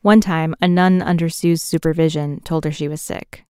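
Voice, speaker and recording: A woman narrating a documentary podcast in a scripted, measured way. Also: sits low, fairly even intonation, darkish tone, clean tone, dry recording, studio quality.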